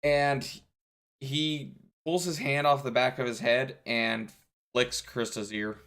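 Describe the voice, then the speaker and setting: A young man runs a tabletop game, narrating the scene and calling for rolls. He talks in a halting way, full of fillers and restarts, at a middling pitch. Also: level tone, creaky, fairly bright tone. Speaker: game master.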